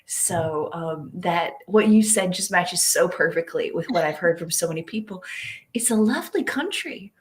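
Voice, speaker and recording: A woman's voice: on the low side, lively intonation, normal speed. A woman in her thirties hosting a casual online interview, upbeat and chatty, often restarting her sentences. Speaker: interview host.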